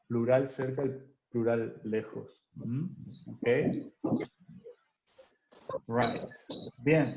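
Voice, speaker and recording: A man's voice: mid-range voice, warm tone. A man teaching an online English class, explaining grammar patiently and drilling pronunciation with his students. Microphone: video call. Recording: roomy, dull video-call audio with faint noise.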